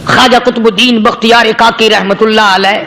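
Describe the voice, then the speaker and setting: Male preacher, storytelling sermon, very high and bright-voiced, reverberant hall with faint background noise. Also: steady tone, vocal fry. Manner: storytelling, rising into impassioned raised passages.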